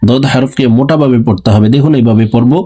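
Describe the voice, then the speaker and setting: A man with a Bangladeshi Bengali accent teaching Quran letter pronunciation, reciting each syllable slowly and deliberately, then explaining quickly. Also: medium pitch, dark tone. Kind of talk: slow drilled letter-by-letter teaching.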